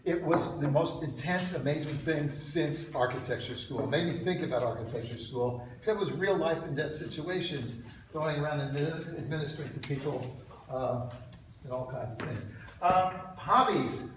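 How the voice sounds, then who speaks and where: A man's voice: on the high side, normal speed. A man in his sixties giving an informal, off-the-cuff lightning talk about himself with slides, with wry, self-deprecating asides. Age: 60s. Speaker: speaker at an alumni reunion talk. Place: echoey indoor presentation room. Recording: very echoey room, distant mic, loud noise.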